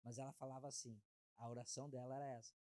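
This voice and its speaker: A man, sharing his personal testimony as an interview guest in a heartfelt, halting way. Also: medium pitch, level tone, warm tone, dry recording. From Brazil. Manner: heartfelt, halting, frequent filler tags.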